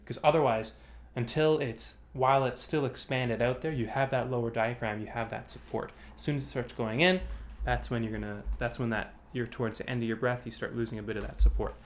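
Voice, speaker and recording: A man's voice: mid-range voice, steady tone, brisk, hardly any pauses, slight background noise. A man teaching an online singing workshop, explaining breath support, with loose, rambling phrasing full of restarts. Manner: demonstrates sighs and sung examples. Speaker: vocal coach. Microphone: video call.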